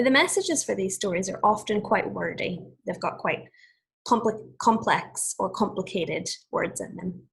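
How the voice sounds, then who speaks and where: The poor audio carries a very husky, breathy woman's voice at a fairly high pitch as she reads a fable to young children like a teacher. She's deliberate and expressive, stopping to explain and to pose questions to the listener.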